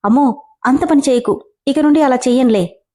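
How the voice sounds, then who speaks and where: A woman's voice: sits high, normal speed, mellow. A woman voicing a naive, clingy young woman who talks in a pleading, girlish way in a story reading.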